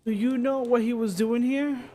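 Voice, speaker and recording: A curious young woman traveler from a story game, as a male streamer reads her lines. The voice sits high and stays plain and direct as she asks question after question. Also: fairly even intonation, normal speed, dark tone. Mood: inquisitive.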